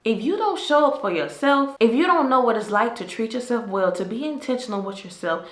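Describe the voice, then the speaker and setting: Bright-voiced, sassy woman in her twenties. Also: on the high side, reverberant. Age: 20s. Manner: chatty, emphatic, sassy asides. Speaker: lifestyle vlogger. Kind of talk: casual advice vlog.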